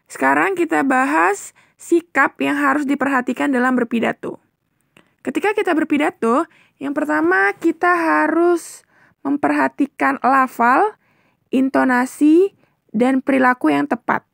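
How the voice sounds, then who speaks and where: A woman's voice: sits high, gravelly, no echo, clean studio sound. A young woman teacher explaining a lesson to children in a chatty, patient way, asking questions and answering them herself. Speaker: primary school teacher.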